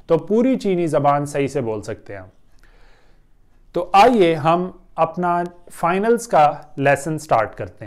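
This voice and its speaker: A man's voice: on the high side, darkish tone. A man with an Urdu accent teaching a Chinese pronunciation lesson in a patient, explanatory way. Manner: patient, explanatory, drawn-out pauses and fillers. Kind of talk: online language lesson.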